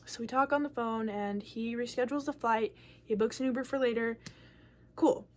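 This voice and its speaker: This vlogger is a young woman with a voice on the high side, speaking at a moderate pace as she casually shares a personal story to camera. She swears freely and is frank, with lots of filler words, and she's animated, her loudness shifting throughout.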